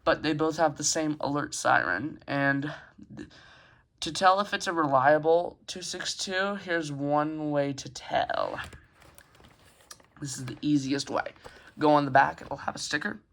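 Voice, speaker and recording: In a carpeted room at home, a hobbyist video host talks into a handheld camera for a casual, unscripted show-and-tell review. His voice is on the high side, fairly bright with vocal fry, and he speaks unhurriedly, hesitating and rambling.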